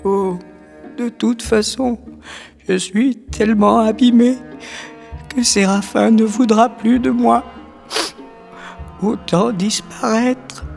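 A performer voicing a sad little paper drawing of a man in a storybook, speaking slowly and plaintively. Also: high voice, long reverb tail, faint music behind. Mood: sorrowful. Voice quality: slow, soft and plaintive. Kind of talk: storybook character acting.

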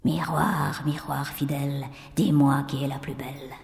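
A woman voicing a vain, wicked queen in a storybook, speaking in a low, hushed whisper. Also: level tone, measured pace, gravelly, big-room sound, exaggerated voice. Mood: menacing.

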